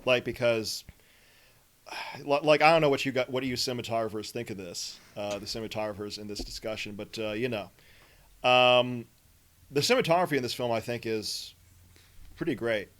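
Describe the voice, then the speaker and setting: A man's voice: medium pitch, fairly quick, fairly bright tone. A man hosting a film podcast, explaining movie trivia in a rambling way with many fillers. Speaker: podcast host. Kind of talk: casual film discussion.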